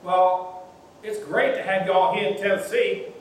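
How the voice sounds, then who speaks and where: A man's voice: sits high, fairly even intonation, a little slow, slight background noise, voice pushed up. A man voicing a friendly, chatty gray-haired Tennessee man with a Southern drawl, telling a story in a folksy way. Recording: echoey church from a distance.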